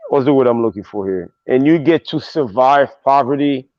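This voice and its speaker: A Haitian-born man talks in a blunt, profane way, his speech packed with fillers. He is at a middle pitch in a dry room, and the stream audio is dull and lo-fi. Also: expressive, moderate pace, no echo. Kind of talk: casual streamed chat.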